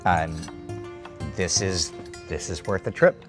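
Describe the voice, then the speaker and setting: A man in his thirties hosts a food show from an open-air stall, eating and chatting casually as he explains the dishes into a lapel mic. His voice sits low and his tone stays steady at a slow pace, with music playing in the background.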